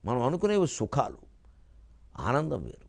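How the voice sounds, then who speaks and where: An older man giving a televised spiritual discourse, reciting verses in a slow drawn-out chant and rising sharply in pitch for emphasis. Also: wildly swooping pitch, gravelly. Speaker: spiritual lecturer.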